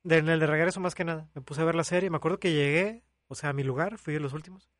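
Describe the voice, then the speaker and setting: A man's voice: a little high, fast talker, no echo, studio quality. Laughing Mexican man telling a story. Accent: Mexican Spanish. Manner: animated storytelling, laughs often, acts out voices. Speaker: podcast co-host. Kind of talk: casual chat among friends.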